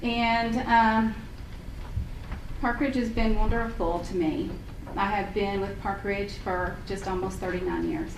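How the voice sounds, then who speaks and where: A woman's voice: medium pitch, unhurried. A middle-aged woman, a hospital imaging director speaking off the cuff at a county meeting in a friendly, chatty way full of ums. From Sequatchie Valley, Tennessee. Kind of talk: unprepared public remarks. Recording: echoey hall, distant mic, steady hiss.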